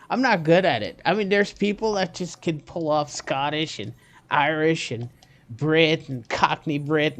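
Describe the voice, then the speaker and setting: A man's voice: a little high, a bit bright. A man streaming a game, chatting casually and jokingly with viewers in a rambling way. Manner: rambling, jokey, talks to viewers. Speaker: gaming streamer. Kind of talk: casual livestream chat.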